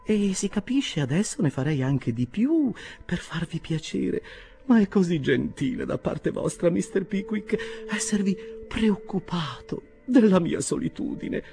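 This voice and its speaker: A man's voice: high-pitched, sing-song, measured pace, gravelly, mellow, pitched above the performer's own voice, full character voice. A man reading an audiobook and voicing a flustered, gushing middle-aged landlady who speaks in a breathless, overwrought way. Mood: fluttering.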